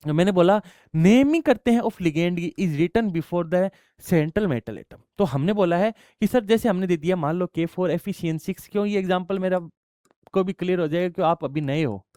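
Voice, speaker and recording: High-voiced man teaching chemistry. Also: lively intonation, moderate pace, dark tone, dry recording, studio quality. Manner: explains step by step, asks students questions and answers them himself; addresses students affectionately as child. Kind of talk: classroom lecture.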